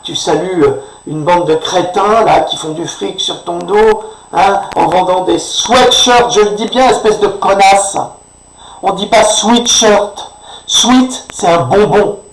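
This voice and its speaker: A man's voice: high-pitched, unhurried. A man delivering an indignant, sarcastic political rant, often tagging his sentences with a questioning "hein", recorded far from the microphone in an echoey room. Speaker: commentator.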